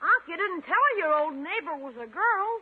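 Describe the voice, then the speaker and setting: Very high, brash radio schoolboy. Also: male voice, animated, brisk, noisy background. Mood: eager. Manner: brash, incredulous, slangy. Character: wisecracking, nosy schoolboy nephew. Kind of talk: 1950s radio comedy acting. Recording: tinny, narrow-band old radio recording.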